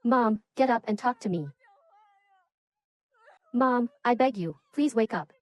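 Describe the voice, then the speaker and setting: A grieving young daughter. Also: female voice, fairly high pitch, takes it slowly, dry recording. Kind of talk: English dub of a drama.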